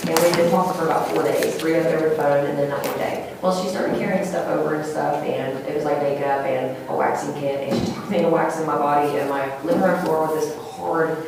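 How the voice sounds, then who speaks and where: A woman gives rambling, emotional courtroom testimony in a quick rush of words, heavy with fillers. Her voice sits a little low. She is picked up by a distant mic in a very echoey, noisy courtroom.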